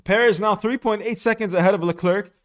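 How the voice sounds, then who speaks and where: A young man streaming live, giving casual, excitable commentary on a motor race and saying "bro" a lot. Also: high-pitched, fairly quick.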